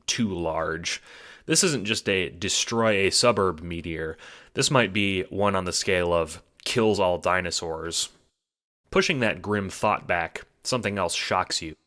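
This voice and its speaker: At a measured pace, a man with a low voice and a bright, forceful tone narrates a scripted second-person story. He is both narrator and producer, and his dramatic storytelling is backed by music.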